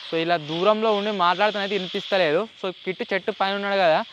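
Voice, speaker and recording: A high-pitched man with a Telangana Telugu accent races through a gadget test for his vlog in an open, tree-lined outdoor area, dropping English words into his talk. His tone stays steady, while the recording has the highs cut off and some background noise.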